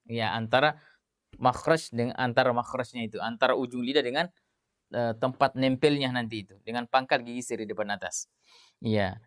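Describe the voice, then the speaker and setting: A man teaching tajwid, explaining rules in plain speech and reciting example words slowly and drawn out, with many fillers. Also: mid-range voice, no room sound, studio quality.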